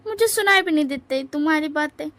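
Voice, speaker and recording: A carefree young nobleman, breezy and coaxing, brushing off every worry in a storybook telling, as a woman narrator plays him. The voice is high and light. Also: fairly quick, fairly bright tone.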